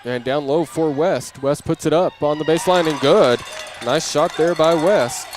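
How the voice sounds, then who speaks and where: Over crowd noise, a man with a higher-than-average voice gives live play-by-play of a basketball game at normal speed. His phrases are clipped and running, lifting when big plays happen, in radio-style commentary from an indoor gym whose ambience and bouncing ball make the recording clearly noisy.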